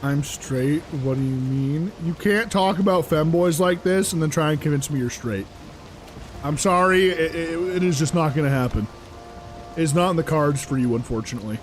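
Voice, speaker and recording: A young man live-streaming a video game, chatting casually with his viewers in an animated, exasperated ramble full of fillers. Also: a little high, fairly quick, soft background music, low-quality recording. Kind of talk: casual live-stream chat while playing.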